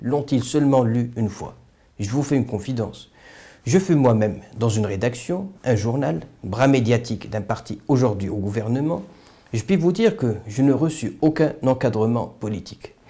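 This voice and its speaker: A Moroccan political commentator and video host reads a scripted opinion monologue in a formal, literary, rhetorical style. His voice is medium-pitched, expressive and warm, at a normal speed.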